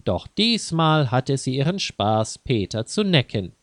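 A man reading a children's story aloud in a calm, measured way, close to the mic. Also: mid-range voice, dry recording. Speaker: narrator.

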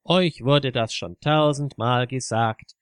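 A man voicing an indignant left-wing man who is quick to anger and speaks scornfully. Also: medium pitch, smooth, no room sound, studio quality, lightly acted.

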